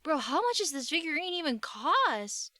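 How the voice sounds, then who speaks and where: A woman chatting casually on a livestream in a cute, gushing anime-streamer way, with slangy, expressive exclamations. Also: medium pitch, moderate pace, no echo, studio quality. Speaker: VTuber artist and livestreamer.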